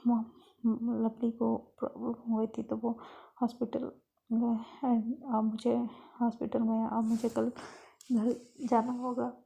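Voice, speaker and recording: An anxious young sister, fretful and hurried, as a woman storyteller puts her on. Her voice is gravelly and dark, with a husky grain. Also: fairly high pitch, completely flat delivery, full character voice.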